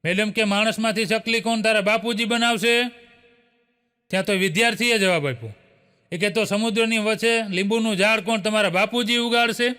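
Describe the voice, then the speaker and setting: A man's voice: high voice, pushed and bright, smooth. A man telling a string of short jokes, chuckling often as he goes. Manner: brisk storytelling, chuckling often, tags lines with a filler. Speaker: joke teller. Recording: long hall reverb.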